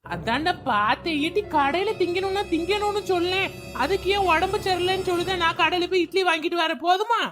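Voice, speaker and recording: A woman's voice: very high voice, fairly quick, over music. A woman doing a blunt cartoon husband. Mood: dismissive. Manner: blunt, teasing. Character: gruff, dismissive village husband. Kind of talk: cartoon voice acting.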